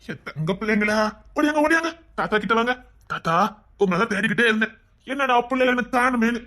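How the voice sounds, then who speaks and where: A woman's voice: on the high side, animated, fairly bright tone. A woman playing a doting grandfather who coaxes the children with endearments. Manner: quick, coaxing endearments. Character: doting grandfather, gentle and pleading.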